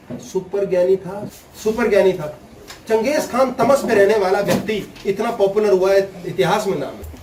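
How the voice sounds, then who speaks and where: A man giving a spiritual discourse to a live audience, telling humorous stories, acting out voices and laughing often. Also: sits high. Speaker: spiritual teacher. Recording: echoey room, distant mic, faint noise.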